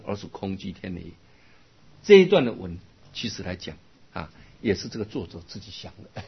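Older monk guy lecturing on dharma, really husky voice, kinda low, dull lo-fi sound. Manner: lively storytelling with laughs and asides to the audience. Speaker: Buddhist monk teacher. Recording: dull lo-fi recording.

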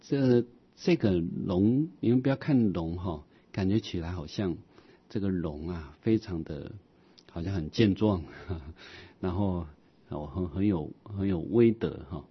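Husky-voiced man giving a Buddhist sermon. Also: low-pitched, lo-fi sound. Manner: frequent drawn-out "ah" fillers, rhetorical questions. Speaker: Buddhist dharma teacher. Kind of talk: explanatory sermon on scripture.

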